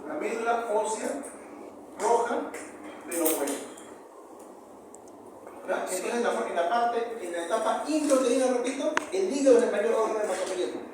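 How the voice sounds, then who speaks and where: A man with a Peruvian accent giving a university histology lecture, often repeating key terms and asking the class quick questions. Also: high voice. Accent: Peruvian Spanish. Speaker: histology professor. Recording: very echoey room, far from mic, noisy.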